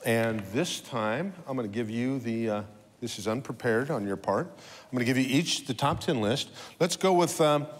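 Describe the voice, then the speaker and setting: A man hosting a live morning talk show, bantering with his guests in a playful, upbeat, teasing manner. His pitch sits in a middle range. His voice rings out in a long reverb. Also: moderate pace. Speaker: host.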